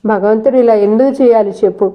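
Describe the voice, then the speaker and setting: A woman reading the part of a gravely injured young unmarried mother who speaks weakly and slowly, defiant and unafraid. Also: dull audio, lightly acted. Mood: weak, tender. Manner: weak, slow and low-voiced.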